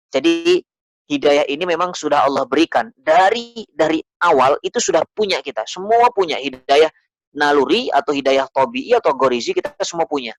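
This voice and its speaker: A man's voice: mid-range voice, dry recording. A man giving an Islamic study lecture in a conversational way, often asking the audience questions and acting out little voices. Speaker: Islamic preacher.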